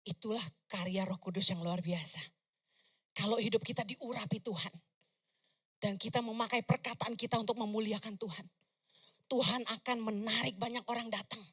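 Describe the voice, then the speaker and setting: Woman pastor, high voice, bright and forceful, loud emphatic sermon, casual asides. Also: husky. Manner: loud, emphatic preaching with sudden slangy asides.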